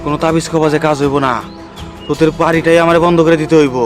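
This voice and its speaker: A man's voice: a little high, flat delivery, fast talker, close to an everyday voice. A man playing a grave, pious old village holy man in a drama, warning solemnly with a rural Bangladeshi accent. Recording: distant mic with music over it.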